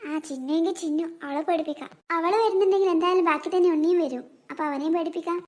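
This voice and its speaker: A mischievous little boy, voiced by a woman, plots a prank in a cartoon, grumbling to himself. The voice is very high and squeaky, and the talk runs quick. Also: a little mellow. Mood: scheming. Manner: plotting, grumbling. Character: scheming young boy in a monster costume. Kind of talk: cartoon voice acting.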